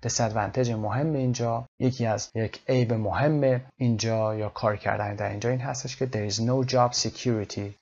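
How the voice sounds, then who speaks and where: A male English teacher with a Persian accent works through a textbook lesson, reading each English sentence slowly and then explaining it at length. His voice has a gravelly, creaky edge, and the recording sounds slightly dull and lo-fi. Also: mid-range voice, a little mellow.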